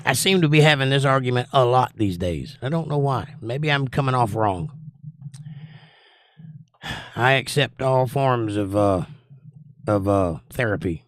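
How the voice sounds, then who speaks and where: A man's voice: mid-range voice, lively intonation, a little slow, pauses often, no echo, clean studio sound. A man with a folksy hillbilly drawl, chatting casually and opinionatedly as a livestream host. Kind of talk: casual livestream chat, monologue answering viewers.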